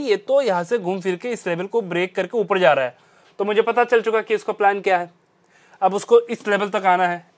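High-voiced man explaining trading. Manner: emphatic, repeats key phrases. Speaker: trading instructor. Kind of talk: explaining trading strategy on a chart.

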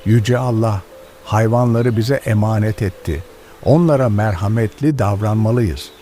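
In an educational children's cartoon, an actor voices a kind, pious old village grandfather who patiently teaches and gently moralizes. His fairly low voice moves at a measured pace, lightly acted, over soft background music.

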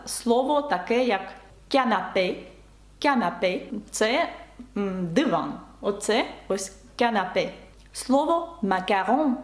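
A woman teaching French in an online lesson, patiently explaining spelling and repeating example words slowly. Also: a little high, reverberant.

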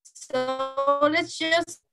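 A woman's voice: sits high, steady tone, very slow, over music. A young woman hosting an online youth show over a video call, upbeat and encouraging as she welcomes guests. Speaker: show host.

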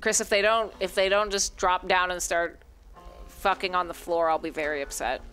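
A woman streamer reading a story game aloud, breaking off into animated, crude jokes. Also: lowish voice, moderate pace, faint music behind.

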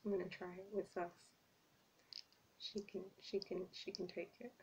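Flustered young woman vlogging, gravelly edge. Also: mid-range voice, little pitch movement, normal speed, a little mellow, dull audio, slight background noise. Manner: self-mocking, giggly, flustered. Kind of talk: casual vlog chat.

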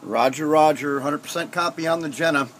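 Man on ham radio, slightly high voice. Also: brisk. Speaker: amateur radio operator. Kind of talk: casual ham radio contact. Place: home radio room, indoors. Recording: faint room noise, amateur camera audio.

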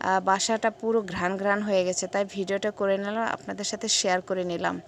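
A woman vlogging casually from her home kitchen, speaking softly and slowly because of a sore, hoarse throat. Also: mid-range voice, fairly even intonation, a little hiss or hum. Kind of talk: casual vlog narration.

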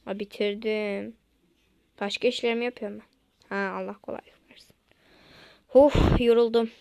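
A woman's voice: mid-range voice, fairly even intonation, moderate pace, gravelly, a little mellow, clear, resonant tone, no room sound. A woman playing a put-upon office worker in a comedy sketch, complaining in a whiny, dramatic way. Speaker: vlogger acting out an office skit.

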